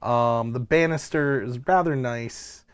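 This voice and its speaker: A man narrating a tabletop game as game master, improvising in a casual, halting way. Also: mid-range voice, clean tone.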